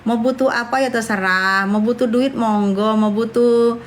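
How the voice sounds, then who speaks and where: A woman's voice: fairly high pitch, fairly even intonation, moderate pace, slight background noise. A woman, chatting brashly and scornfully on a livestream, calling her viewers darling. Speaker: livestream host. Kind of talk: casual livestream chat with viewers.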